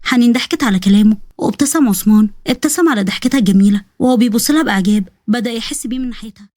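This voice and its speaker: Fast-talking Egyptian woman storyteller. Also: fairly high pitch, darkish tone, no room sound. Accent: Egyptian Arabic. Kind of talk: scripted story narration.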